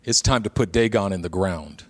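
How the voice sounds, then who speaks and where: A man's voice: low voice, moderate pace, a bit bright. A male pastor preaching a sermon, telling a humorous personal story in a conversational way and then building to urgent exhortation.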